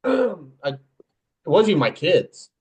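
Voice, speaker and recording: Higher-voiced man rambling through coaching stories. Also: sing-song, slow, a little mellow, husky, rough recording. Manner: rambling, trailing off, laughing at himself. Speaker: podcast host and wrestling coach. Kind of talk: casual podcast chat.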